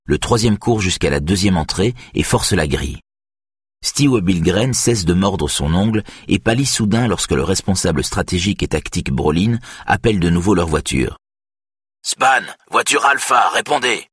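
A man narrating an audiobook thriller in a steady, measured way. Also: deep voice, breathy edge, no room sound, studio quality.

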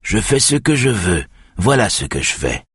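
A man voicing a sly, capricious older male former TV host with a raspy, mocking way of talking. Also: lowish voice, very animated, moderate pace, a bit bright, no echo, clean studio sound, pitched above the performer's own voice, full character voice. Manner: taunting, mocking.

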